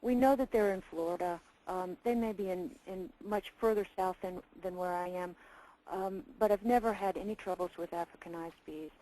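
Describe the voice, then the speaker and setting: A woman who does bee removals answering a question calmly and reassuringly, with small restarts. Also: lowish voice, normal speed, poor audio. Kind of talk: webinar answer.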